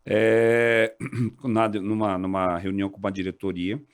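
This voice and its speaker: A man in his forties, a fire department officer, talking as an interview guest in an animated, explanatory way. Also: unhurried, clean tone. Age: 40s. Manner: animated, explanatory, jumps high when quoting others. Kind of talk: casual interview talk.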